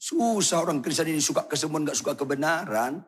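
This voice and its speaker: Blunt slangy pastor guy, kinda high and husky, shouts then goes low. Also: lively intonation, quick pace. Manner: blunt, provocative, shouts and drops low for effect. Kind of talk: sermon.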